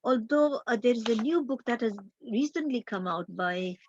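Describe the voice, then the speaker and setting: An older woman, a guest academic in a roundtable discussion, speaking in a measured, thoughtful way with frequent pauses. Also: on the high side, lively intonation, dull audio, slight background noise.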